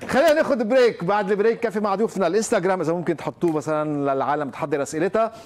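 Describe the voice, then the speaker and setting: A man's voice: fairly high pitch, racing, a little mellow. A man with a Lebanese accent hosting a morning TV show, chatting casually and teasing his guest. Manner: joking, teasing. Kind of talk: casual TV chat.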